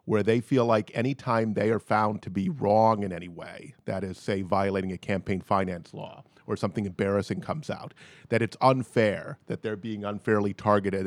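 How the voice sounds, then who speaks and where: Low-voiced analytical man. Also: fairly even intonation, no echo. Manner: analytical, measured argument. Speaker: panelist. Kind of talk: political panel discussion.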